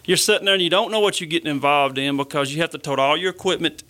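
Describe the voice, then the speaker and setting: A man's voice: on the high side, very fast, sharp tone. A man with a Southern US accent recalling army service as an interview guest, casual and explanatory, often saying "you know". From Mississippi, US. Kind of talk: casual conversational recollection.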